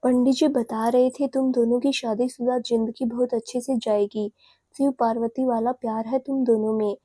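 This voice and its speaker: Woman narrator as a warm, indulgent middle-aged mother in an audio story, dry close sound. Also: a little high, fairly even intonation, normal speed, no room sound, lightly acted. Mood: kindly. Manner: kindly, indulgent. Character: middle-aged mother, kindly amused mother-in-law.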